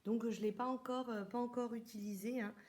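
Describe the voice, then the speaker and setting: A woman's voice: on the high side, fairly even intonation, a little fast, a little mellow. A woman from France chatting to camera about a makeup haul, talking casually with many hesitations and restarts. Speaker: beauty vlogger.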